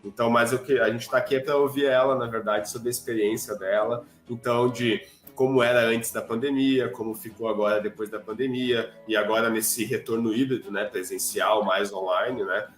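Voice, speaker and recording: A man, co-host of a casual online live talk, introducing a guest in a measured way with many tag questions. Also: medium pitch, fairly even intonation, soft background music. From southern Brazil. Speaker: co-host and school staff member. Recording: roomy echo.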